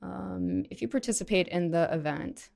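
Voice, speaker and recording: Reading an article aloud and then commenting, a young native English-speaking streamer chats casually with many fillers. Her fairly low voice is creaky and a little mellow at a moderate pace. There's no room sound, just faint music behind her.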